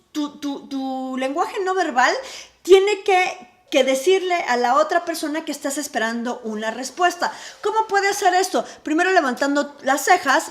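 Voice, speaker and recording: A woman speaks straight to the camera in a high, bright register. She teaches like a lively advice host, throwing out a question and answering it herself a beat later. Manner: animated, asks and answers her own rhetorical questions. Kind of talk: talking-to-camera advice lesson.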